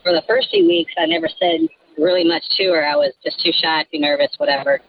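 A man's voice: a little high, huge pitch swings, fast, gravelly. Man's voice warped by a voice changer. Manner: sheepish, self-conscious storytelling. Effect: voice changer disguising his voice. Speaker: radio show caller. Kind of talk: anonymous phone-in confession, casual storytelling. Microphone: telephone. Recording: lo-fi phone line.

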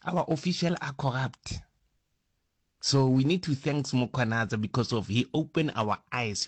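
A man speaks in an earnest, measured way with pausing fillers, in a voice note that is played on air. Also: medium pitch, husky, no echo. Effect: recorded voice note played on air. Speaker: listener sending a voice note. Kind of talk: casual spoken message.

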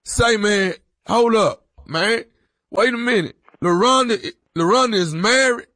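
A man puts on an agitated prison inmate making a payphone call for a prank. His voice is high and sharp, with a dry, close sound. He presses his point insistently and repeats himself. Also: a little slow, no room sound. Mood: distressed, indignant. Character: agitated male prison inmate calling about his old girlfriend.

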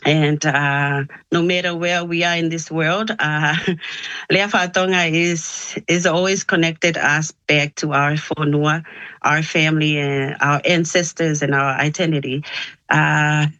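A woman's voice: low voice, steady tone, a little slow, a bit bright, no echo, lo-fi sound. A woman from Tonga with a Tongan accent, a musician guest speaking in a casual interview, earnest and hesitant with many filler sounds.

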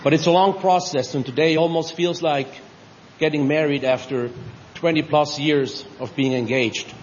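A man's voice: fairly high pitch, fairly even intonation, slight background noise. Middle-aged man from Switzerland, reflective ceremony speech, long reverb, dull sound. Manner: reflective, halting with pauses. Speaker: new citizen giving a speech. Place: large tent at an outdoor ceremony. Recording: reverberant dull audio with faint ambience.

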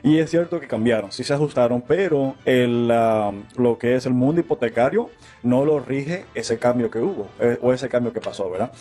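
A man's voice: medium pitch, moderate pace, mellow. A man from Cuba in his thirties, speaking as a mortgage lender on a talk show. He explains earnestly, in a mid-range voice, with many fillers and restarts. Faint music plays behind him. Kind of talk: guest interview, explaining.

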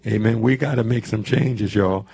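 Gravelly, dark-voiced man in his seventies. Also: on the low side, fairly even intonation, moderate pace. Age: 70s. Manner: preacherly, peppers talk with amens. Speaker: radio show host. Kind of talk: casual church radio talk. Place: radio studio.

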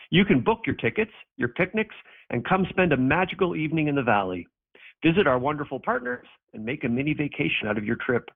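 A man's voice: vocal fry, husky. A man promoting a theater season in a friendly, upbeat recorded message heard over a landline phone. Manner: upbeat, friendly sales pitch. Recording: narrow phone-line sound.

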